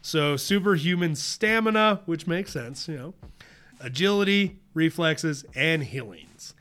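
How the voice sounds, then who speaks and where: A man's voice: on the high side, animated, measured pace, fairly bright tone. A young adult man co-hosting a casual podcast, reading his notes and riffing with laughs. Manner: laughing, loose, reads notes then riffs. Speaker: podcast co-host presenting research. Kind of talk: casual chat.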